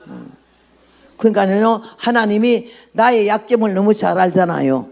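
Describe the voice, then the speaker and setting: A woman's voice: medium pitch, animated, moderate pace, gravelly, a little mellow. An outspoken woman in her eighties preaching a testimony sermon as a missionary, blunt and emphatic. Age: 80s.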